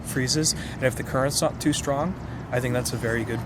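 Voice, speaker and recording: Canadian male councillor, interview answers, careful and diplomatic, brisk delivery, very noisy street recording. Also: medium pitch. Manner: measured, diplomatic, hedging answers. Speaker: city councillor being interviewed.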